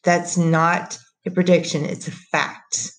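A woman's voice: lowish voice, little pitch movement, slow. A woman voicing a menacing, scornful middle-aged businessman who taunts and bullies. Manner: sneering, taunting.

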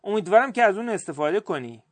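Brief: man voicing a wise wizard for a storybook, calm and guiding, slightly high male tone. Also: dry recording. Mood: gentle.

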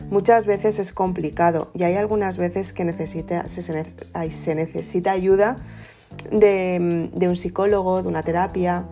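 A woman speaks in a warm, low, mellow voice, offering gentle advice about letting emotions out. She talks conversationally, often tagging "¿no?" onto her points. Soft guitar music plays faintly behind her. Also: fairly even intonation, moderate pace. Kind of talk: casual motivational talk to camera.

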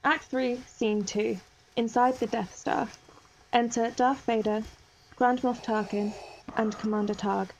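A woman narrates stage directions and rhymed verse for a homemade table read. Her voice sits slightly high, and she reads briskly and cheerfully. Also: fairly even intonation, a little hiss or hum, low-quality recording.

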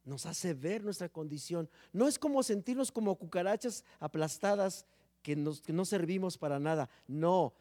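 A man preaching a sermon, swinging between loud emphatic phrases and low hushed words.

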